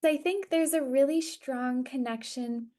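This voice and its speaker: A high-voiced woman from Hawaii hosts a podcast, speaking at a measured pace with a mellow tone. Over a video call, she asks her guest questions in an enthusiastic, affirming way.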